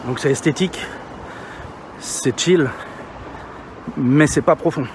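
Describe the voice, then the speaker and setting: Out of breath and panting as he walks through an urban area, a man with a fairly high voice talks slowly to his livestream viewers. His chat is casual, slangy and rambling. Traffic and street noise make the outdoor recording noisy.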